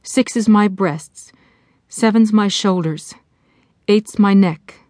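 A woman's voice: medium pitch, slow, darkish tone, no room sound, studio quality, natural voice. A woman voicing a meek, trembling wife. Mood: chanting. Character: frightened, meek middle-aged wife.

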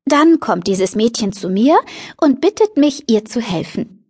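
A woman's voice: a little high, expressive, a little slow, darkish tone, husky, no room sound, studio quality. Chirpy fashion-mad teen girl, woman reading her in an audiobook, bouncing all over the place. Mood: bubbly. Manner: chirpy, pushy and carefree. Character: bubbly fashion-crazy teenage girl matchmaker.

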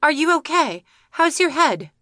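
Woman doing Miss Sally, a gentle motherly bird. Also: high-pitched, sing-song, measured pace, dry recording, studio quality, voice pushed up, exaggerated voice. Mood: concerned. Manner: gentle, concerned. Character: kind, motherly female bird. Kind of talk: children's audiobook character voice.

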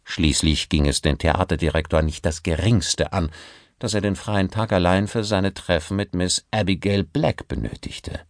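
Gravelly male audiobook narrator. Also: low voice, normal speed, no room sound, clean studio sound. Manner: expressive storytelling. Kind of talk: scripted narration.

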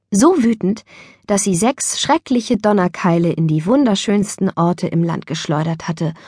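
A woman narrating a children's audiobook in an expressive storytelling manner, slowing down for emphasis. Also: medium pitch, breathy edge, dry recording, studio quality.

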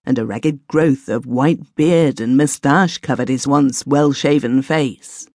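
A woman's voice: extremely low pitch, dry recording. Woman narrating a ghost story, dry close sound. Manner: measured, steady reading. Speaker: audiobook narrator.

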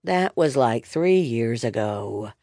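A woman's voice: very deep voice, lively intonation, slow pace, dark tone, no room sound, clean studio sound, voice pushed down, full character voice. A woman narrator voicing an embarrassed, exasperated young man talking about his mother. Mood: sheepish exasperated. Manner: sheepish, exasperated.

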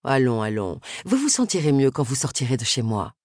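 A woman voicing a confident, flattering male hairdresser in an audiobook, in a lowered, self-assured voice. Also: a little fast, dry recording, clean studio sound, heavily acted.

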